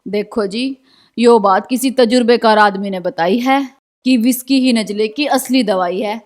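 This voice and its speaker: A woman's voice: fairly high pitch, unhurried. A woman playing a wheedling, insistent wife in a village comedy sketch. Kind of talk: rustic comedy acting.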